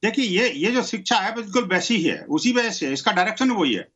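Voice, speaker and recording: A man making forceful, declamatory points as a panelist in a TV debate. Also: sits high, lively intonation, brisk, breathy edge, lo-fi sound. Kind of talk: TV debate argument.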